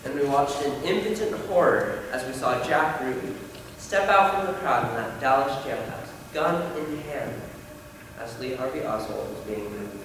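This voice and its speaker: A young man playing an earnest male high school senior, giving a solemn, rousing stage speech. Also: lively intonation, normal speed, close to an everyday voice. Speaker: student actor. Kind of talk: stage play speech to a class. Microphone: distant room mic. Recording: echoey hall from far off, noisy.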